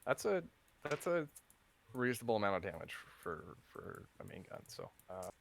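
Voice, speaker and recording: A man's voice: lowish voice, sing-song, normal speed, creaky. A man playing a tabletop wargame, calling out his dice rolls with hesitant fillers. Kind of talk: casual game commentary.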